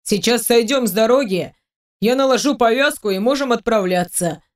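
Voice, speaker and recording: A woman reading an audiobook voices a wounded young male swordsman who speaks formally and politely, in a slightly lowered voice. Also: normal speed, natural voice. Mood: earnest, composed. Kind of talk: audiobook character voice.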